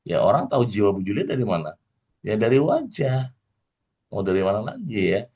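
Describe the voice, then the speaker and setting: Low-voiced middle-aged man coaching. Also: very animated, moderate pace, slightly rough. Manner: addresses the audience warmly, full of "ya" tags and acted examples. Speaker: motivational coach and lecturer. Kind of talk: motivational lecture. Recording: dull lo-fi recording.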